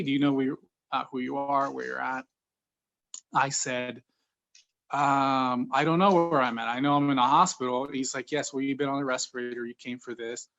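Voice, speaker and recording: Halting man in his thirties recounting. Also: mid-range voice, fairly bright tone, low-quality recording. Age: 30s. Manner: halting, with fillers and restarts. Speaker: COVID-19 survivor interviewee. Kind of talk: personal account in an interview.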